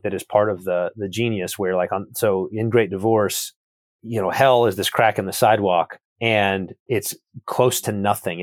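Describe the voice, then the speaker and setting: A man with a somewhat low voice works through ideas out loud in a thoughtful, circling way, repeating words as he builds each point. He is a guest author in a podcast conversation. The recording is close and dry, with no room sound. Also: no room sound. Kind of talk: reflective theological conversation.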